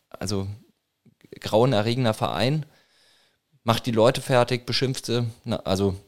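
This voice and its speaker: A man in his thirties from northern Bavaria, answering interview questions in a halting way, full of fillers and restarts. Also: mid-range voice. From Franconia, northern Bavaria, Germany. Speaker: interviewee, protest organizer. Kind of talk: casual interview.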